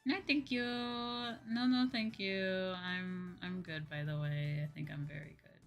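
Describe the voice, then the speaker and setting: A young woman VTuber chats casually on a livestream, rambling and repeating her phrases for emphasis, with background music playing. Her voice is lowish, steady and unhurried.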